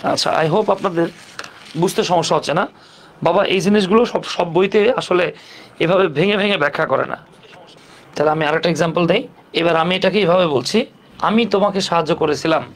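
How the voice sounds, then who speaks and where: A man with a fairly high voice gives a casual classroom lesson on English grammar, speaking briskly with frequent pauses. He walks through it step by step, poses rhetorical questions, and cracks jokes in colloquial language.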